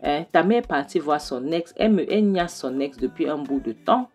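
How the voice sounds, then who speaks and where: A woman's voice: deep voice, animated, brisk, a little mellow, breathy edge, soft background music. A woman voicing a harsh middle-aged father who scorns his wife and threatens his daughter. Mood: scornful.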